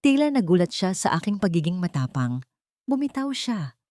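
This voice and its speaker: A woman's voice: on the low side, very animated, moderate pace, darkish tone, no room sound, clean studio sound. A woman with a Filipino accent narrating a dramatic first-person story as an audiobook reader.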